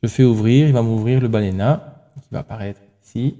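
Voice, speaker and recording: A man's voice: fairly low pitch, fairly quick, mellow. A man hosting a tech tutorial, talking casually through each step on screen, thinking aloud with fillers and self-corrections.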